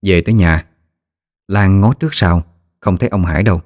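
A man narrating a ghost story audiobook in a steady storytelling manner. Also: low-pitched, a little fast.

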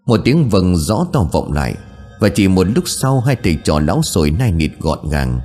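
A man narrating a folk tale in an expressive, dramatic storytelling style. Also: sits low, moderate pace, faint music behind.

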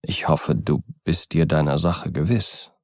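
A man reading an audiobook, voicing a grave middle-aged lawyer in a low, measured tone. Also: a little mellow, dry recording, clean studio sound. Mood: stern.

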